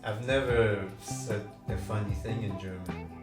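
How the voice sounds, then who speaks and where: A comedian from Iran, guesting on a podcast, keeps things loose and self-mocking, dropping "like" and "right?" often. His lowish voice holds a steady tone and moves a little slow, with music in the background and a room mic placed away from him giving a distant, roomy sound.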